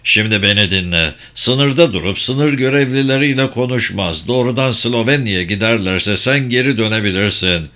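Man doing a low-voiced gang boss, slow and forceful, barking orders. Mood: commanding. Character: ruthless male smuggling boss, commanding.

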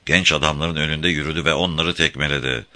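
A man narrating a novel as a scripted audiobook reading, measured and vivid. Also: rumbling low, fairly even intonation, sharp tone.

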